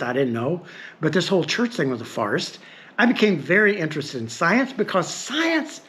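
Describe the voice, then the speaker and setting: A man's voice: a little high, a bit bright. A man, talking frankly in a personal monologue, wry and given to chuckling and digressing. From Northeast Tennessee. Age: 60s. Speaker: podcast host.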